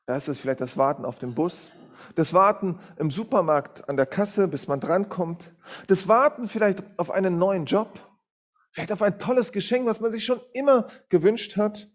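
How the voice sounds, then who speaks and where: A middle-aged man gives a sermon in a fairly high voice. He talks loosely, stops on fillers and corrects himself as he goes. He speaks to the congregation in a direct, plain way. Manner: informal, with many fillers and self-corrections. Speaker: guest preacher from a Bible school. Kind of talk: sermon with a read-aloud story.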